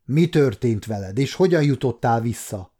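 A man reading an audiobook, voicing a gruff, suspicious noble father who growls his words. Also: medium pitch, lively intonation, mellow, lightly acted.

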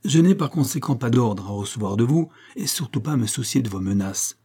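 A man reading the lines of a calm, haughty general baron in an audiobook, speaking with proud command. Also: medium pitch, fairly quick, husky.

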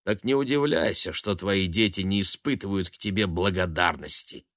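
A man voicing a scornful young man who mocks and shouts at his mother with contempt. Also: fairly low pitch, takes it slowly, no echo, studio quality. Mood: weary. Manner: mocking and contemptuous, often shouting.

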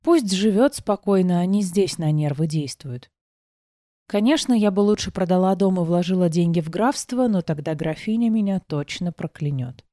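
A woman reading a first-person novel aloud as an audiobook, quiet and restrained, acting out the dialogue. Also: on the low side, normal speed, no echo, clean studio sound. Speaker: audiobook narrator.

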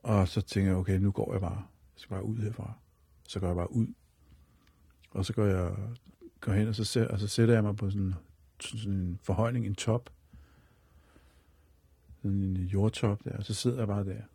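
A man with a gravelly, husky voice recounts his own story, rambling and circling back with fillers. His tone is dark and mellow, and the recording is close and dry. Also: fairly low pitch, steady tone, pauses often, no room sound. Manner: rambling and repetitive, leaning on fillers. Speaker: guest telling his life story. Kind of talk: personal storytelling on radio.

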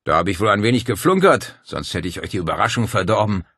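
Big bearded hermit guy, a man doing him, booming and teasing, husky voice, dry close sound. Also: very animated, quick pace, a bit bright, no echo, heavily acted. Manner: booming, teasing, delighted with his own trick. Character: mischievous bearded mountain hermit, male, tall.

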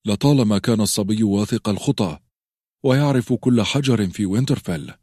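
A man's voice: fairly low pitch, warm tone, breathy edge, no room sound, studio quality, voice pushed up. Brief: male reader playing a cautious elderly maester in an audiobook, reasoning aloud. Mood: thoughtful. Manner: measured, reasoning. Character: thoughtful older male scholar-healer, cautious.

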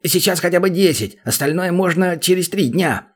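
A man's voice: high voice, animated, moderate pace, slightly rough, voice pushed up. A man voicing a small, rude male goblin guild master who whines and pleads, in an audiobook. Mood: whiny, pleading.

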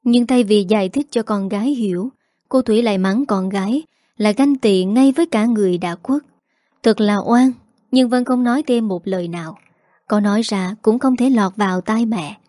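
A woman narrating a story in a steady, earnest storytelling voice. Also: mid-range voice, normal speed, no echo, clean studio sound.

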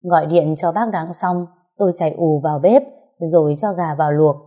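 Woman narrator, low, mellow, steady story read. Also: moderate pace. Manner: steady first-person storytelling. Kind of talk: scripted ghost-story narration.

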